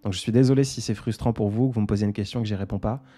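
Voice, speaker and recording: A young man hosting a casual livestream, speaking softly, laughing often and reading out viewers' comments. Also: lowish voice, fairly even intonation, very fast. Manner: soft-spoken, laughs often, reads out comments. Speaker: livestream host.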